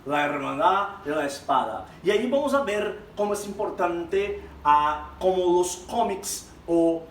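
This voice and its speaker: A Brazilian man with a high voice teaches Spanish to a class, explaining each term in an animated way and speaking straight to his students. He sits well back from the microphone in a roomy, echoing space, with a faint hiss behind him. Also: a little slow. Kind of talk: classroom lesson mixing Spanish and Portuguese. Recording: echoey room, far from mic, faint background noise.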